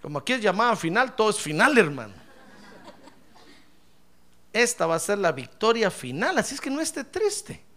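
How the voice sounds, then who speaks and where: A pastor delivers an animated sermon, his high, bright voice swinging widely between peaks and low asides. He addresses the congregation as brother, jokes with them, and mimics their complaints. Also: moderate pace, pauses often. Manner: animated preaching, calls listeners brother, acts out complaints.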